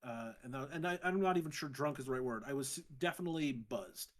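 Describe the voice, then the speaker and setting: A man's voice: mid-range voice, fast talker. A man in his thirties with a standard American accent, chatting casually and rambling a little as a podcast co-host. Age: 30s. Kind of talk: casual chat.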